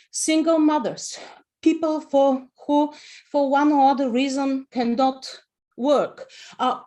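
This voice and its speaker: A Bulgarian woman in her fifties, a personal finance writer, speaks passionately with a Bulgarian accent as a guest on an online panel discussion over a video call, posing rhetorical questions. Her voice is high with a darkish tone.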